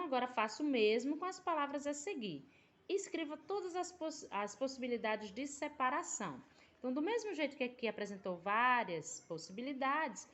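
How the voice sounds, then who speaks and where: Woman teacher with a Brazilian Portuguese accent, patient, explanatory, with a bouncing melodic voice and a fairly high pitch. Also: fairly bright tone. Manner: patient, explanatory, drawn-out syllables. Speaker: primary school teacher. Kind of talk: recorded remote class lesson.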